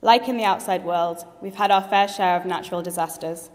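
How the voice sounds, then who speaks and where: Her voice runs lowish and a little quick as this young woman, a graduating student in her late teens, delivers a heartfelt, formal graduation address sprinkled with light humor. The large assembly hall lends the recording a long reverb.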